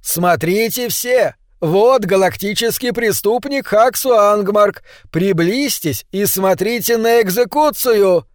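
A man voicing a cruel, triumphant male impostor who loudly proclaims in a sing-song way. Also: fairly high pitch, animated, normal speed, no echo, studio quality, lightly acted. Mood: proclaiming.

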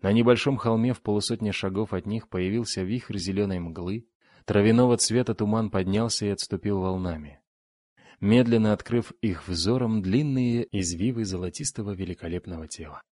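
Male audiobook narrator; low-set voice, dry close-mic studio sound, steady and dramatic. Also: normal speed, no echo. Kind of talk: scripted narration.

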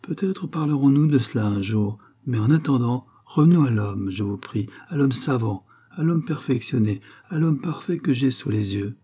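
A man's voice: mid-range voice, lively intonation, normal speed, hardly any pauses, warm tone, slightly rough. A man voicing a haughty, scornful queen with a biting, contemptuous delivery.

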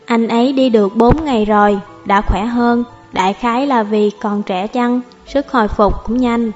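A woman narrating a novel audiobook in a calm, even storytelling manner, over faint music. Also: on the high side, moderate pace, dull audio.

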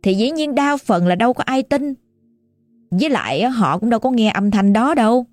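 A woman's voice: fairly high pitch, expressive, moderate pace, darkish tone, no echo. A woman with a Southern Vietnamese accent telling a ghost story in a chatty, casual way, often speaking straight to her listeners. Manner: chatty, addresses listeners directly.

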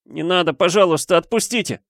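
A man's voice: high voice, fairly quick, no room sound, clean studio sound, voice pushed up. A man voicing a terrified twelve-year-old boy who begs and wails through tears. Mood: begging tearfully. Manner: pleading, tearful wailing.

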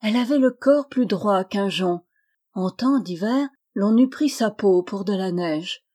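A woman's voice: medium pitch, animated, measured pace, dark tone. French woman reading a fairy tale. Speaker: storyteller.

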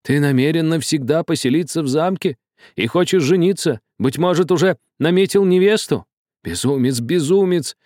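A man voicing a frightened, trembling old male doctor who talks in a shrill, agitated and pleading way. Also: moderate pace, darkish tone, dry recording, studio quality, lightly acted. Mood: frantic.

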